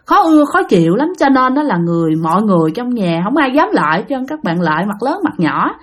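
A woman's voice: on the high side, big pitch swings, fast. Chatty woman storyteller. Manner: chatty, addresses listeners directly. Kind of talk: ghost story narration.

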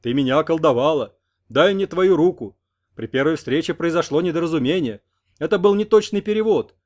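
A man's voice: a little high, expressive, fairly quick, voice pushed up, natural voice. A man reading an audiobook, voicing a brash, pompous American man who talks in effusive, flowery phrases. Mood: infatuated.

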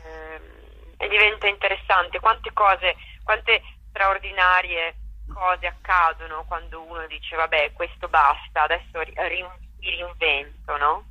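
As a guest promoting her stage show, an actress chats spontaneously and effusively, groping for words and making sure the listener keeps up. She sounds lowish, husky and steady, speaking unhurriedly. The audio is dry and dull.

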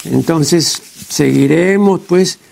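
A man hosting a TV program, talking through errors in a translation in a deliberate, pedantic way, often tagging his sentences with a questioning "no?". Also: a little high, gravelly, darkish tone. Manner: deliberate and pedantic, with frequent "¿no?" and "pues". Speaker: TV program host. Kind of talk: studio commentary critiquing a translation. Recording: TV program audio.

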